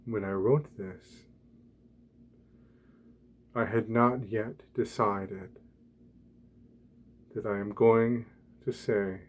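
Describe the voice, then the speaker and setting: A man speaking softly and quietly as if at night, reading and reflecting in halting, deliberate short phrases, ASMR style. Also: on the low side, steady tone. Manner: quiet, hushed night-time talking. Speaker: blogger reading from own blog. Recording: clear background ambient noise.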